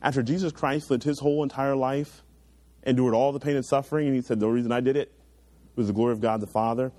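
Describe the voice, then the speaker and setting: A young male youth pastor preaching with earnest, emphatic conviction. His voice sits at a middle pitch and lifts sharply when he drives a point home, then eases back for scripture reading and prayer. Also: steady tone, fast, a little mellow. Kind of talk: sermon.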